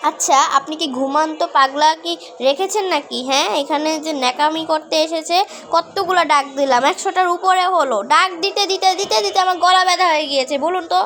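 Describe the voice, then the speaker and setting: Very high-voiced woman acting a fussy customer. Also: fairly quick, fairly bright tone. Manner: fussy, complaining customer, repeats words. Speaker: vlogger acting a shopping skit. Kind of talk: home-made comedy skit.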